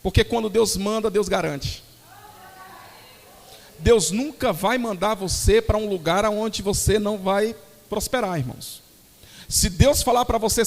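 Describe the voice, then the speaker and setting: High-voiced Brazilian pastor in a reverberant hall. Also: male voice. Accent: Brazilian Portuguese. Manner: lively storytelling preacher, addresses the congregation as brothers. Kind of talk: sermon.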